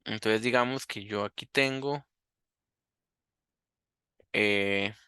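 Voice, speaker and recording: A man's voice: lowish voice, slow, pushed and bright, smooth, no echo, clean studio sound. A man teaching a coding lesson, thinking aloud and asking himself questions as he works. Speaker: programming teacher. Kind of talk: screen-recorded coding lesson.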